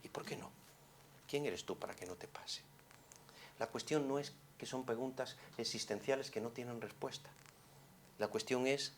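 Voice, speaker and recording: Speaking at medium pitch over slight background noise, a male psychologist gives an expressive conference talk in a hall. He moves from quiet to loud and leans heavily on rhetorical questions.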